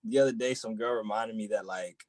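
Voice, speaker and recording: A young man from the Boston area, a rapper in a relaxed interview, who keeps filling his talk with "you know what I'm saying.". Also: on the low side, brisk, dry recording. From Boston area, United States. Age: young adult. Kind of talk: casual interview chat.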